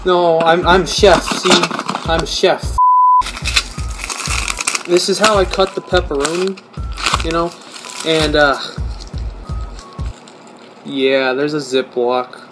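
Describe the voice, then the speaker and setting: Young male vlogger, high voice, self-mocking, music bed behind. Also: steady tone, takes it slowly, pauses often, low-quality recording. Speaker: YouTuber. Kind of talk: casual cooking vlog. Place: home kitchen. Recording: music playing underneath.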